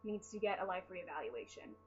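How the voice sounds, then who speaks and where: A woman's voice: on the low side, expressive, brisk, highs cut off, a little hiss or hum. A young woman chatting casually to camera while answering fan questions, rambling and self-deprecating, tired from lack of sleep. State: sleep-deprived. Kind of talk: casual chat.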